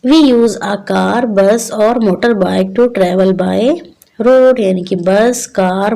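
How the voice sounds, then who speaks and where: A woman teacher, reading English lines slowly and explaining them to young children. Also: medium pitch, vocal fry, dark tone. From Pakistan. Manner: addresses children as "beta" and "bachche". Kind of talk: classroom lesson explanation.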